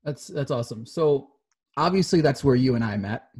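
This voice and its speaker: Guy hosting a podcast, warm mellow tone, kinda rambly and friendly. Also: medium pitch, lively intonation, moderate pace, breathy edge. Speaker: podcast host. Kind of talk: casual interview chat.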